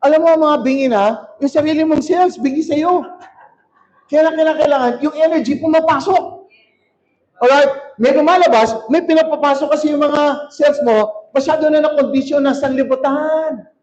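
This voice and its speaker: A male pastor preaching a sermon in a church hall, shouting and calling on the crowd to answer back. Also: very high voice, normal speed. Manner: shouting, rousing, calls for crowd response. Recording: dull lo-fi recording.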